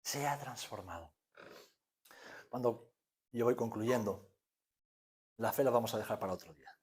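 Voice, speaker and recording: A male pastor in his forties with an accent from Spain, preaching a sermon that swings from hushed to loud. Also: mid-range voice, fairly even intonation, moderate pace. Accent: Spanish from Spain.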